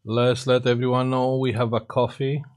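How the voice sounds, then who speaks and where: This live stream host, a man from Romania speaking English as a second language with a Romanian accent, welcomes viewers and responds to comments casually, pausing often on fillers. His voice is medium-pitched and darkish, with little pitch movement.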